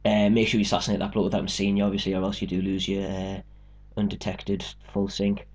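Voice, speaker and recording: Guy chatting through a game walkthrough, kinda low voice, joking around. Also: completely flat delivery, fast, a little mellow, husky, dull audio. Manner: chatty, joking, explains step by step. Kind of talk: casual gameplay commentary.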